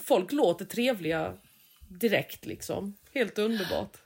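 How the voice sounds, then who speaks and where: A woman's voice: medium pitch, expressive, breathy edge. A woman with a Småland Swedish accent chatting casually and enthusiastically as a co-host, laughing easily. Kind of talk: casual chat.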